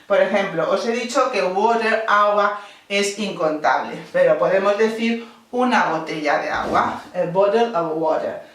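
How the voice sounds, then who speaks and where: A woman with a medium-pitched, fairly bright voice speaks at a measured pace. She's an English teacher giving a classroom-style grammar lesson, patiently explaining step by step and correcting herself along the way. The room is very echoey, and she's some distance off the mic.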